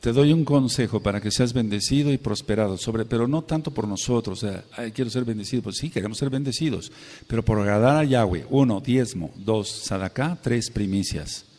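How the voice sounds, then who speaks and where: A man's voice: fairly low pitch, lively intonation, normal speed, darkish tone. A middle-aged man, a pastor teaching a sermon and asking his congregation questions. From Mexico. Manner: preaching, asks the congregation questions. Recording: long reverb of a hall.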